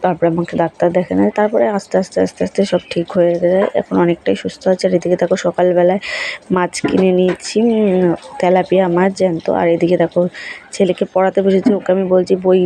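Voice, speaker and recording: Young housewife narrating her day, rambly and chatty, mellow voice, faint noise at home. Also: on the low side, flat delivery, quick pace, poor audio. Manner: chatty, rambling with many fillers and restarts. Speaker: vlogger, housewife. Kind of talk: casual vlog voice-over narration.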